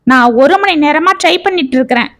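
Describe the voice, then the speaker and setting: A woman's voice: high-pitched, lively intonation, fairly quick. A woman voicing an angry young husband who scolds and accuses his wife in a bitter tone.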